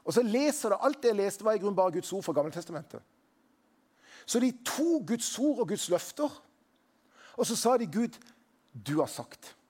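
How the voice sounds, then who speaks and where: A man's voice: high voice, big pitch swings, long pauses, a little mellow. A man preaching a sermon as pastor, talking conversationally and putting questions to the congregation.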